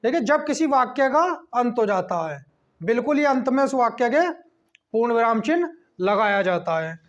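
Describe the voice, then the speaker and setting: A man teaching a class lesson, checking in with a quick "okay" between points as he explains. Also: extremely high pitch, sing-song. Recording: dull lo-fi recording.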